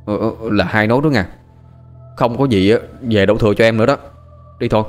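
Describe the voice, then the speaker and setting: A man voicing a cheeky, playful young village boy who talks excitedly. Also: fairly low pitch, brisk, soft background music, natural voice.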